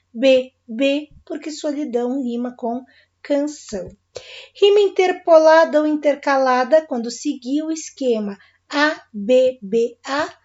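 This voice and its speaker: A woman's voice: sits high, darkish tone, highs cut off. A woman with a Brazilian Portuguese accent teaching a recorded lesson, friendly and checking in with her students.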